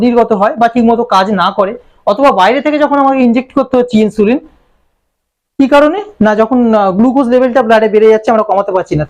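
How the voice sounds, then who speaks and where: A man with a very high, slightly mellow voice and a Bengali accent gives a classroom-style medical lecture. He explains terms and poses questions that he then answers himself.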